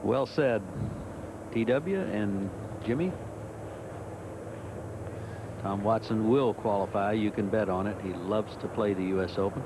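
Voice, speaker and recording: A man's voice: fairly low pitch, normal speed. A man giving conversational live golf commentary as part of a broadcast team. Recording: noisy outdoor broadcast with loud ambience.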